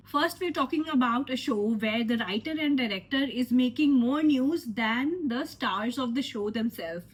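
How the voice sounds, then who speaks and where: A woman's voice: high voice, moderate pace, hardly any pauses. A woman, congested with a cold, giving an opinionated, sarcastic casual review of a trailer. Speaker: film reviewer.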